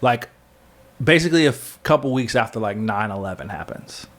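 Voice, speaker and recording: A man's voice: fairly low pitch, expressive, a little fast, a bit bright. A man on a podcast casually retelling a comic-book story, rambling with lots of fillers and correcting himself as he goes. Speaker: podcast co-host.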